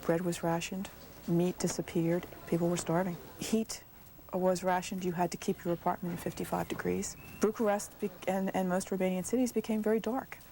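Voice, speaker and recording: A woman's voice: fairly low pitch, steady tone, moderate pace, warm tone, slight background noise. A woman interviewed as an expert, recounting hardships in a matter-of-fact way with some fillers.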